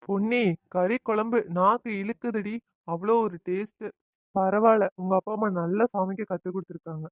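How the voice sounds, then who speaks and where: Cartoon: a woman as a devoted young husband, firm and caring, middle pitch, dry studio read. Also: steady tone, normal speed, dry recording, close to an everyday voice. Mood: tender. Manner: affectionate to wife, firm with mother.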